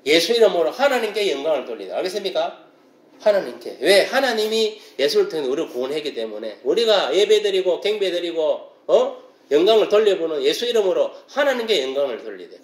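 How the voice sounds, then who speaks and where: A man's voice: on the high side, big pitch swings, fast. A man preaching a sermon, emphatic and asking the congregation rhetorical questions again and again. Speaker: pastor. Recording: echoey room.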